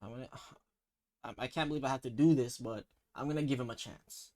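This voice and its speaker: A man with a Toronto accent runs a casual slang quiz at a middle pitch. He talks in slangy banter, teasing his contestant with mock sternness. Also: brisk, dark tone. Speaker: quiz host.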